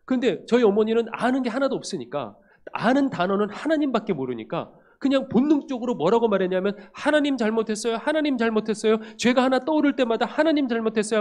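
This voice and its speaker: A middle-aged pastor from South Korea's Gyeongsang region preaches a sermon built on personal stories. His fairly high voice swings between loud and hushed.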